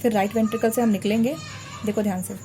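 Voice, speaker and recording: Woman, biology teacher, board lesson, patient and repetitive drilling, mellow tone, light hiss. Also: mid-range voice, steady tone, fast. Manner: patient, repeats terms to drill memory tricks. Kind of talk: whiteboard revision lesson. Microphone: recorded while drawing a diagram on a board.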